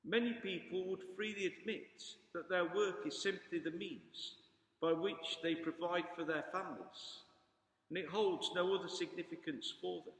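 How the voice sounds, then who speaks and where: A man giving a Gospel reading and homily as a priest, in a solemn, measured and formal pulpit manner. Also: sits high, fairly even intonation, fairly bright tone. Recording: echoey hall with long reverb.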